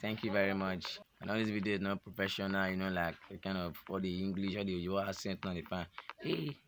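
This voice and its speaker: A man's voice: low voice, little pitch movement, fast talker, a bit bright, slight background noise. A young Nigerian man chatting casually to his vlog audience, joking and rambling, slipping into pidgin. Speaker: vlogger. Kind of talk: casual chat to camera.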